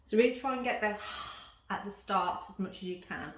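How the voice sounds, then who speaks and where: This yoga teacher talks a little fast in a mid-range voice while guiding a yoga and breathing session for the camera. She explains each step informally, and the audio has a roomy echo that places her voice at some distance.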